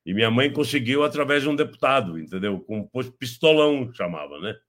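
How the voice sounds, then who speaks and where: A man's voice: mid-range voice, brisk. An older man from Brazil with a Brazilian Portuguese accent, chatting casually on a political show and telling rambling anecdotes with many restarts. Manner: rambling, repeats words and restarts, animated anecdotes. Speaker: guest commentator.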